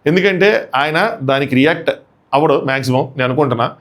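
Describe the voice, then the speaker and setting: A man reviews a reality show episode in quick, chatty commentary. His voice sits a little high for a man. He keeps it lively and slips into the contestants' voices as he retells their lines. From India.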